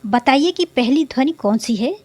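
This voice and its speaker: A young adult woman teacher explaining a children's lesson, drawing out each syllable slowly. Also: high-pitched, expressive, darkish tone, no echo. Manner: slow, drawn-out syllables for young learners.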